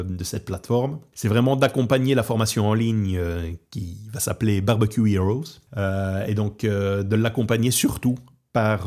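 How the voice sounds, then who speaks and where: Mec belge en podcast, voix grave et sombre, plein de euh. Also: male voice, lowish voice, darkish tone. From Belgium. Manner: hesitant, many fillers and restarts. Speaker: podcast host and barbecue trainer. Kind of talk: casual podcast talk. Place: Portugal.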